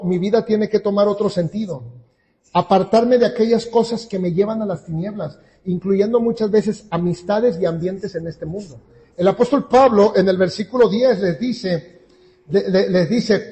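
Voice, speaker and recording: A male pastor preaching a sermon, swelling to loud, slow, emphatic lines and dropping back to quiet asides. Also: sits high. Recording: long echo of a large hall.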